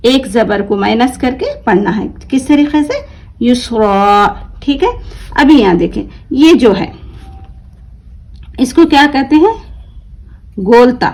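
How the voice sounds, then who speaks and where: This woman teaches Quran reading, posing questions to her learners and supplying the answers herself while stretching out example words. Her high, gravelly voice is very animated yet a little slow, with frequent pauses and a darkish, slightly rough tone. Audio quality is poor.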